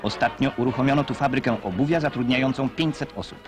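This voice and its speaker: Man narrating an old 1960s newsreel. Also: medium pitch. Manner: formal, measured announcer delivery. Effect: old newsreel voice-over over music. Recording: 1960s newsreel soundtrack with loud music.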